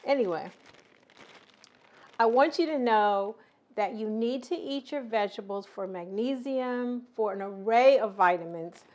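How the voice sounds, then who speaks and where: Woman, middle-aged, cooking show host, chatty, teasing, fairly high voice. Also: a little slow, darkish tone. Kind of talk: casual cooking demonstration.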